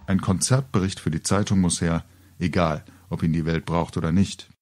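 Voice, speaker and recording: Over soft background music, a middle-aged author reads his own scripted humorous story like an audiobook. His low, slightly mellow voice keeps fairly even intonation at a moderate pace, wry and colourful in its storytelling.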